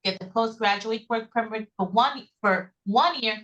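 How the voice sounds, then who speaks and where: A woman's voice: a little high, unhurried, a bit bright, muffled recording. A woman speaking informally and reassuringly as a webinar host, explaining options over a video call. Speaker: webinar host, immigration consultant.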